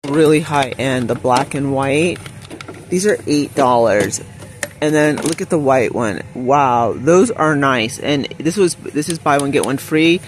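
A medium-pitched man speaking a little slowly films a shop-with-me vlog on a handheld phone while walking an indoor discount store aisle. He gushes over items and reads out prices and deals, with slight background noise.

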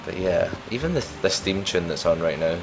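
A man's voice: sits low, lively intonation, normal speed, creaky, music in the background. A young man casually commenting on his gameplay as a let's play host, rambling and joking at his own expense. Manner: chatty, rambling, self-mocking.

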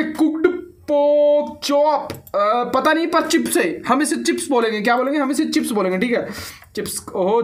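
A young man with a high voice talks through his game in casual let's-play style. He is chatty and excitable, often firing off the same word over and over. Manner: excitable, chatty, often repeats words in bursts. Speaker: gaming YouTuber.

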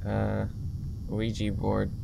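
Jumpy, gravelly man playing a horror game. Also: on the low side, monotone, slow pace. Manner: jumpy, mumbling, swears, shouts at the game. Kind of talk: casual gameplay commentary. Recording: loud background noise.

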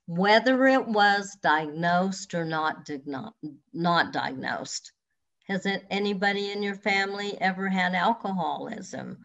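An older woman, a counselor and hypnotherapist, answers questions in an online expo talk, speaking slowly and earnestly and advising listeners directly. Her mid-range voice is a bit bright. She's on a webcam video call from a home room with large windows, and the audio is dull and lo-fi.

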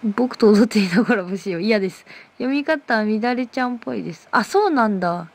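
On a casual phone livestream, a woman reads viewer comments aloud and answers them with playful teasing. Her mid-range voice is expressive and a little fast.

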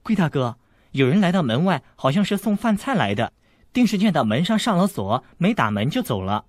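A man's voice: a little high, big pitch swings, a little fast, no room sound, studio quality, pitched above the performer's own voice. A man voicing a naive, innocent young noble girl who speaks earnestly, in a raised voice.

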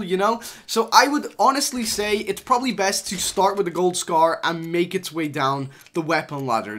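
A man's voice: sits high, a bit bright. A young man casually talking through gaming news for his channel, chatty and rambling, with frequent fillers and restarts. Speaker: gaming YouTuber. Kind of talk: casual game news commentary.

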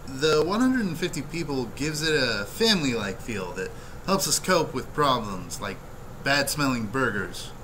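A young man answering as a student in a deadpan comedy interview. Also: mid-range voice, normal speed. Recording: clearly noisy room with hum.

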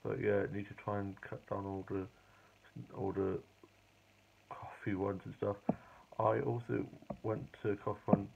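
A young British man chatting casually and quietly at home in the evening, rambling through his day for a diary vlog, filmed on a phone at arm's length. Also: fairly low pitch, little pitch movement, a little slow, creaky, highs cut off, slight background noise. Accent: British English. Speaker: vlogger. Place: hallway home office, indoors at night. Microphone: phone or webcam at arm's length.

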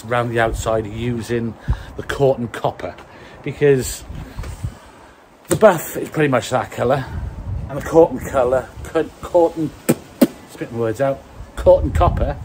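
A Welsh landscaper in his fifties chats about his patio work in a self-mocking, casual how-to vlog, filmed in a garden beside a house. His voice is mid-range, with background noise, recorded on a handheld phone and later a plugged-in mic.

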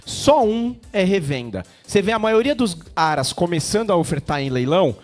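Brazilian guy pitching lots at an auction, high emphatic voice, bit of music under it. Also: big pitch swings, moderate pace. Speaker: auction commentator. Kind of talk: live sales commentary.

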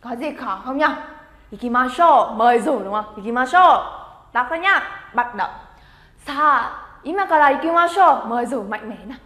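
A woman's voice: high-pitched, lively intonation, moderate pace, a bit bright. A woman teaching Japanese vocabulary, encouraging her students and drilling words aloud for them to repeat. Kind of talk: language lesson. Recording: echoey room with long reverb.

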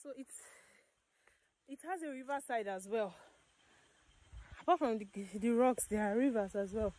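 A young woman with a Nigerian accent, chatting excitedly as she vlogs her walk through a cave and down to a river. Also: on the high side, moderate pace, low-quality recording. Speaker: vlogger. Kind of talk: casual travel vlog narration. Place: inside and around a cave and riverside outdoors.

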